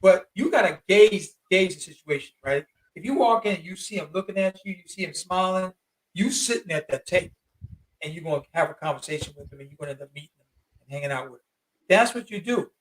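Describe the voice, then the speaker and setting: A man in his fifties, an interview guest, telling travel stories in an animated, slangy, emphatic way. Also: high voice, fast talker, recorded from a distance, rough recording. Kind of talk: casual storytelling.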